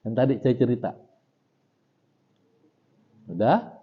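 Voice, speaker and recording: A middle-aged man teaching a religious text, reciting Arabic lines slowly and then explaining them in casual talk. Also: mid-range voice, big pitch swings. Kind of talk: religious study lecture. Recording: dull lo-fi recording.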